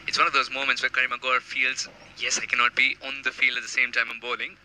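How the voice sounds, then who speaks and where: Male cricket pundit, bright and crisp, breaks down tactics in live co-commentary. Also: mid-range voice, flat delivery, fast, slight background noise, rough recording. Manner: analytical, explains tactics.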